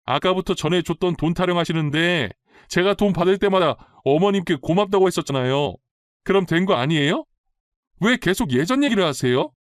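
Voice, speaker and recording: Pushy young woman, daughter-in-law, raised pitch, a man putting her on, dry close sound. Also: big pitch swings, normal speed, a little mellow, dry recording, lightly acted. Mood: defiant. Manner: insistent, whiny and defiant. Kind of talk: storytelling drama reading.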